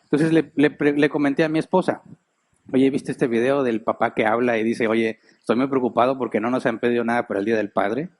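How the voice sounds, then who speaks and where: A man's voice: mid-range voice, fairly even intonation, brisk. Mexican man preaching in a chatty way. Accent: Mexican Spanish. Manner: storytelling, conversational, laughs while telling anecdotes. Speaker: pastor. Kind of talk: sermon. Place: church.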